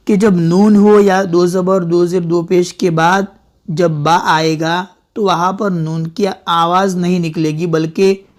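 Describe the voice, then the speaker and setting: A man's voice: high voice, darkish tone. A man teaching Quran reading step by step, patiently repeating words and sounding out each syllable. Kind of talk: step-by-step recitation lesson.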